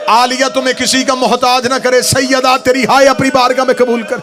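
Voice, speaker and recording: A man reciting a mourning elegy at a religious gathering, dramatic and grieving, rising at times to chanted shouts. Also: very high-pitched, flat delivery, brisk.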